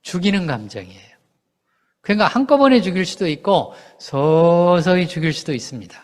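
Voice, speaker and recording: A male pastor with a high-pitched voice delivers a conversational sermon. He keeps asking the congregation questions and answering them himself, and he acts out quoted lines in lively voices. His voice rings out with a long reverb, as in a large hall. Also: moderate pace.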